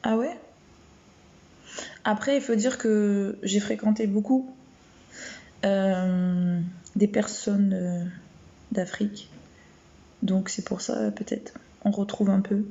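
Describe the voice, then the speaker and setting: A woman with a soft, warm, mid-range voice chats on a late-night home live stream, mixing casual talk with Bible reading. She speaks slowly in an even, flat tone, hesitating with many fillers, restarts, and long pauses, and the phone audio is a little dull and muffled.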